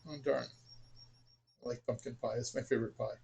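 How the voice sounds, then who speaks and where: A man's voice: mid-range voice, fairly even intonation, brisk, creaky, a little mellow, a little hiss or hum. A man giving casual, playful commentary as he plays a game, with a wry streak. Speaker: game designer playing and commenting.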